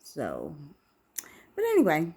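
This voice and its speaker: Husky, lively-voiced woman in her fifties. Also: sits low, takes it slowly. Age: 50s. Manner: talkative, wandering, faith-centered, musing. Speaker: vlogger, channel host. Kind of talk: casual rambling monologue to camera.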